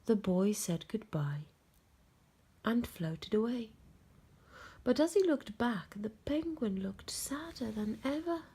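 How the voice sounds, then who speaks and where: Woman, children's storyteller, slow pace, dark mellow tone, gentle expressive bedtime reading. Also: a little high, breathy edge.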